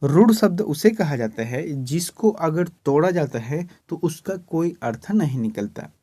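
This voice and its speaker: Guy teaching exam prep, voice on the higher side, dry close sound, keeps saying okay. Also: animated, measured pace, warm tone, no echo. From Chhattisgarh, India. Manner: explains step by step, repeating "ठीक है".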